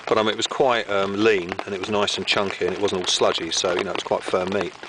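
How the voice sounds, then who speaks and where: A man's voice: deep voice, flat delivery, fast, noisy background. A man chatting casually while cooking on a small stove under a tarp in rainy woods at night, rambling cheerfully. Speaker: outdoor cooking vlogger. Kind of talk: casual camp cooking commentary.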